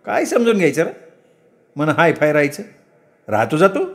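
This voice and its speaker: A man's voice: a little high, huge pitch swings, normal speed, pitched above the performer's own voice. A man voicing a strong-willed older village mother who scolds in rustic speech. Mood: reproachful.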